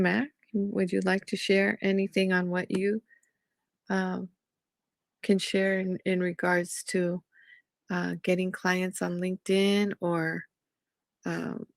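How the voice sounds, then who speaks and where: A woman's voice: lowish voice, gravelly, a bit bright, dry recording. A woman co-hosting a live online audio room, helpfully explaining each step to the host.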